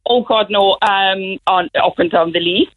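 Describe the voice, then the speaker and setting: A woman's voice: medium pitch, measured pace, no room sound, phone-quality sound. A woman with a West Cork Irish accent, chatting casually as a caller to a radio phone-in. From Ireland, County Cork.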